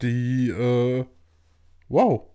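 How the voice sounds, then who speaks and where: A man's voice: mid-range voice, very slow, warm tone, smooth. Co-host, male, from Berlin; easygoing, agreeable, short replies, middle voice. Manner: agreeable, short affirmations, laughs often. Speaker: podcast co-host. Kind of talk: casual chat.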